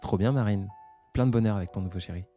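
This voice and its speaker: A man's voice: fairly low pitch, fast talker, mellow, faint music behind. A man in his twenties hosting a casual live stream, answering viewer comments in a hesitant, reflective way with many fillers. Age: 20s. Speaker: livestream host.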